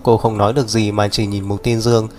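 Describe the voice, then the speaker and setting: Một người đàn ông đọc truyện audio, giọng đều đặn, kể chuyện theo kịch bản. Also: male voice, on the low side, little pitch movement, fast talker, a little mellow. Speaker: audiobook narrator. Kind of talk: scripted narration. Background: faint music.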